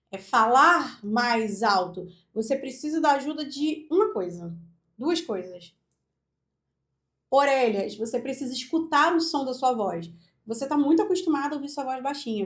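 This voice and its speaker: A woman with a Brazilian accent, a speech therapist, teaching voice and posture in an instructional video with live demonstrations, explaining step by step. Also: high voice. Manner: demonstrative, explains step by step, often says "look". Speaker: speech therapist and public speaking coach.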